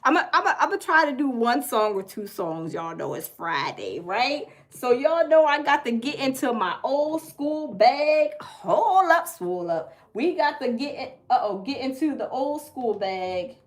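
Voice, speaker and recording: Chatty high-voiced Southern woman. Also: big pitch swings, a little slow, hardly any pauses. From American South. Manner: chatty, folksy, repeats herself. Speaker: livestream host. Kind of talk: casual livestream chat, reading viewer comments.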